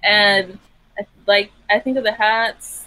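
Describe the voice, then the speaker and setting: Slow, bright-voiced young woman from California. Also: mid-range voice, steady tone, dry recording, low-quality recording. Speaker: video chat stranger. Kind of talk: casual chat. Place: bedroom with lights.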